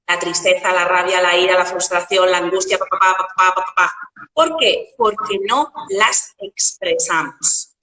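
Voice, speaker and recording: A woman talks in a bright, fairly high voice, building her points through rhetorical questions and homely metaphors. She sounds set back the mic in a roomy space with a long reverb tail. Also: normal speed, distant mic. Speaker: guest coach.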